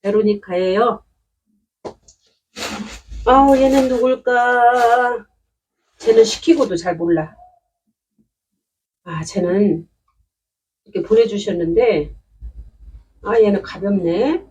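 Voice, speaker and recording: A woman's voice: mid-range voice, slow, long pauses, warm tone, distant mic, a little hiss or hum, rough recording. A woman unboxing succulent plants at home in a chatty, delighted way, exclaiming often. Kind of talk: casual unboxing commentary. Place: indoors at home.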